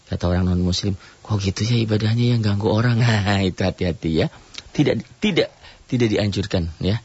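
A man with a low voice leads an informal religious lesson over the radio. He talks in a loose, conversational way and often stops to check in with the listener. The broadcast sounds dry and a little dull. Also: a little fast, breathy edge, dry recording. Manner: conversational, frequent "ya" and "gitu" tags, mimics loud worshippers in a high voice.

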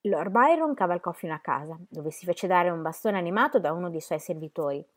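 A woman reading historical letters aloud in a measured, expressive storytelling manner. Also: lowish voice. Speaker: reader.

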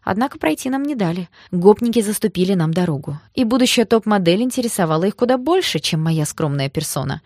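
A woman telling a first-person audiobook story in a lively way. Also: medium pitch, fast talker, hardly any pauses, dry recording, studio quality.

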